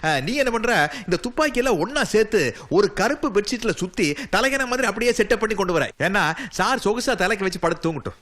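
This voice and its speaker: An actor playing a lazy, sarcastic police inspector who rambles through excuses in a film comedy. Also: male voice, high-pitched, animated, quick pace, a bit bright.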